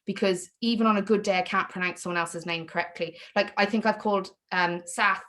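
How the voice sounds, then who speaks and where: A woman's voice: mid-range voice, fairly even intonation, a little fast, fairly bright tone. Chatty woman presenting at an online meetup. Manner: chatty and self-deprecating, with many restarts. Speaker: guest speaker on leadership and inclusion.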